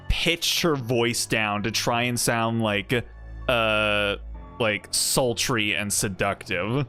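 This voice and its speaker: A man's voice: mid-range voice, bright, forceful tone. A young man streaming a game, reacting casually with crude jokes and reading bits of narration aloud. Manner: joking, crude, drawn-out asides.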